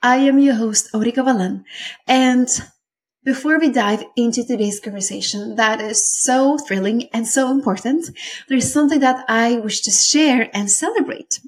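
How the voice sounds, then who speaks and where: A woman's voice: on the high side, moderate pace. A woman in her thirties from Lithuania with a Lithuanian accent, hosting a solo business podcast in an earnest, effusive way. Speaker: podcast host. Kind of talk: warm solo podcast talk.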